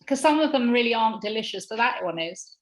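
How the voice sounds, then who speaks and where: A woman's voice: fairly high pitch, animated, quick pace, crowd noise. A woman co-hosting a casual chat show over a video call, talking effusively. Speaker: co-host. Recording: echoey room on video call.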